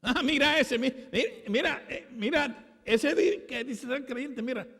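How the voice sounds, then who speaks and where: A Puerto Rican man voicing a spiteful male devil accuser, with a high stammering jeer. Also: a little slow, vocal fry, fairly bright tone, breathy edge, exaggerated voice. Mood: accusing. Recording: long hall reverb.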